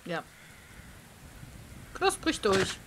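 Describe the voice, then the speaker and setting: A woman's voice: medium pitch, big pitch swings, very slow, noisy background. A woman giving casual gameplay commentary as a let's play host, chatty and musing aloud.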